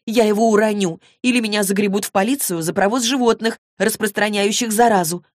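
A woman voicing an impulsive, protective young girl who pleads and argues in a raised, higher voice. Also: a little fast, no echo, clean studio sound, natural voice. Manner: pleading and indignant.

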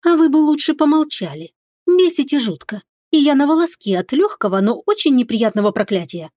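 A woman reading an audiobook, voicing a proud, sharp-tongued young witch heroine who talks in a defiant, mocking way. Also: high voice, big pitch swings, fairly quick, dry recording, studio quality, voice pushed up. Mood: threatening.

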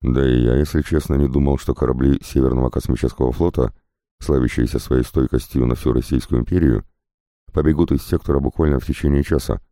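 A man voicing a shrewd, commanding rear admiral in a spoken audiobook, measured speech. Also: rumbling low, fairly even intonation, dark tone, no room sound, studio quality.

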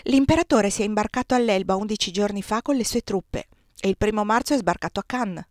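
A woman's voice: medium pitch, brisk, dry recording, clean studio sound, lightly acted. Woman reading a suave, courteous police chief. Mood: calm. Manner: calm and polite. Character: suave, courteous older male police minister.

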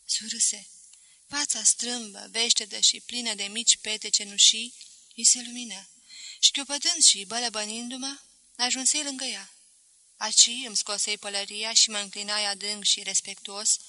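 A woman narrating a novel as an audiobook reader, in a measured, expressive way. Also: medium pitch, no echo, low-quality recording. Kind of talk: scripted narration.

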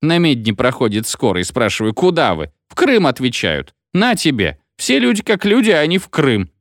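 A man's voice: mid-range voice, huge pitch swings, dry recording, pitched above the performer's own voice. A man voicing a drunk, jovial station chief who bellows and takes offence easily, in a dry recording. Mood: coaxing. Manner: bellowing, boisterous, quick to take offence. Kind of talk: audiobook character voice.

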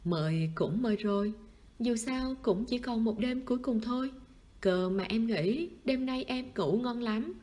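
A woman's voice: a little high, a little slow, mellow, lightly acted. Woman voicing a jumpy, whiny young man. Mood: boastful. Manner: pleading, whiny.

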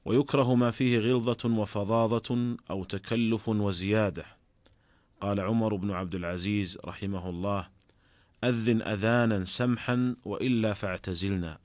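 A man, an Islamic scholar, teaching jurisprudence in a formal radio lesson, reading in a measured, deliberate way from a studio microphone. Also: lowish voice, fairly even intonation, darkish tone, no room sound.

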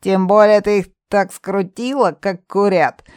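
Женщина изображает наглую рыжую ведьму. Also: female voice, mid-range voice, a little slow, smooth, dry recording, close to an everyday voice. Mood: brash. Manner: loud, cheeky, mocking. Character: brash young red-haired female witch, mocking.

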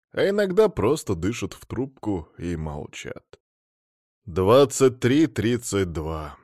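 A man's voice: low voice, darkish tone, no echo. A man reading a story aloud in a dry, wry manner, voicing a weary duty officer. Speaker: narrator. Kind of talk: audiobook reading.

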